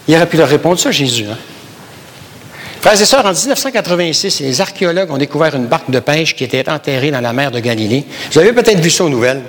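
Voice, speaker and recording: A man's voice: medium pitch, a bit bright, long reverb tail, slight background noise. A man from Canada with a Québécois accent, preaching a sermon emphatically and repeating phrases, addressing the congregation as brothers and sisters. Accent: Québécois French. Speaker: pastor.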